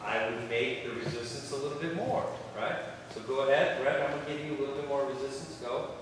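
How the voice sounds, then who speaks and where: A man's voice: medium pitch, fast, background noise. A man coaching a football drill, talking in a folksy, encouraging way as he explains and demonstrates to players and coaches. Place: large indoor training hall. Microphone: far from the mic. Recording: echoey hall recorded from far off. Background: crowd of players.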